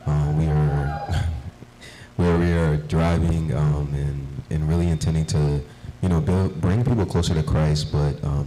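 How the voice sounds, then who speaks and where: A man's voice: rumbling low, warm tone, a little hiss or hum, poor audio. A young man introducing himself on a panel, with many fillers and restarts. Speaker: panelist, community leader. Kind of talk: panel discussion.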